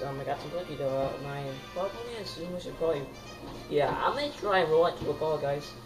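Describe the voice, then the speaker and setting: A young boy filming himself in a home kitchen on a phone, chatty and excitable, full of fillers and calls of "guys". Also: fairly high pitch, poor audio. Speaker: home cooking vlogger. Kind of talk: casual cooking vlog. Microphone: phone camera held close.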